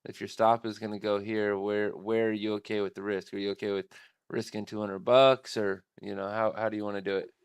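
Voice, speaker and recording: A man's voice: on the low side, level tone, brisk, clean tone, no echo, studio quality. A man hosting a live trading stream, thinking aloud at his computer in a casual, rambling way.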